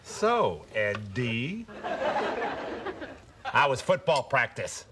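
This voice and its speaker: A man's voice: medium pitch, big pitch swings, extremely slow, crowd noise, background noise. An actor playing a big, good-natured, dim monster father in a sitcom, blustery and easily alarmed. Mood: puzzled. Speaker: sitcom character. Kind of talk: sitcom acting. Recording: sitcom audio with loud laugh track. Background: studio audience laughter.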